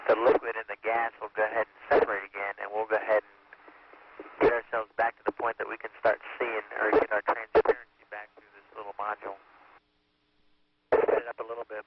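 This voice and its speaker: A male astronaut speaks over a crackly space-to-ground radio link that sounds like a sci-fi communicator, explaining experiments with halting pauses and fillers. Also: on the low side. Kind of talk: describing experiments for ground control. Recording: tinny radio downlink with faint hiss.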